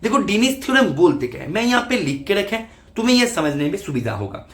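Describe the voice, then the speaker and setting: A man's voice: high-pitched, very animated, fast talker, fairly bright tone. A man teaching maths in an online exam-prep lecture, walking students through each step by asking and answering his own questions.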